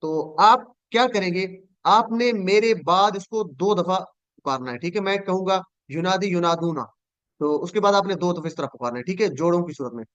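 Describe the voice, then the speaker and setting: A man's voice: sits high, fairly bright tone, smooth, highs cut off. Patient man drilling Arabic verb forms. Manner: patient, repeats words slowly for students to echo. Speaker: Quranic Arabic teacher.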